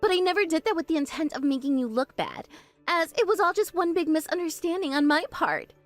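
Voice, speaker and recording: A woman voicing a spoiled, bossy young bride in an animated story, talking in a shrill, demanding way. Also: fairly quick, no room sound. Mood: flustered.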